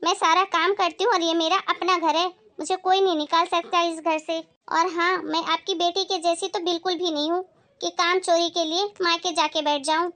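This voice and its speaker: A level-headed young daughter-in-law, as a woman acts her out, calm and firm as she reasons and stands her ground. Her voice is high and bright, and her lines are steady. It comes across as a moral-story drama. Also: moderate pace.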